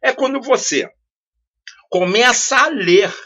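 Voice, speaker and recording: A man's voice: extremely high pitch, animated, slow pace, bright, forceful tone. A man teaching a study lesson, explaining with rhetorical questions and repeating key phrases. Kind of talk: classroom-style video lesson. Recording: dull lo-fi audio.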